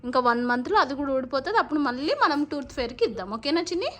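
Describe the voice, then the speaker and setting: Gentle mother. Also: high voice, sing-song, fast. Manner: gentle, coaxing. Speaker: vlogger mother. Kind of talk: soothing her child, then casual vlog narration.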